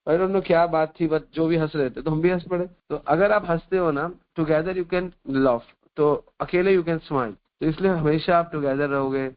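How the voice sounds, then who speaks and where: A man giving a spiritual discourse as a devotional teacher, switching between Hindi and English and repeating his phrases, with a chatty storytelling manner. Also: on the high side. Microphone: video call. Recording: dull lo-fi online call audio.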